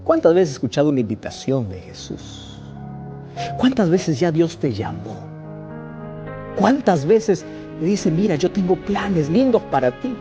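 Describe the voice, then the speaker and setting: A man preaching a sermon as a pastor, pleading with rising intensity and then praying in a hushed voice. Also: very animated, measured pace, over music. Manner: impassioned, rising high when pleading, hushed in prayer. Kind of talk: sermon with closing prayer.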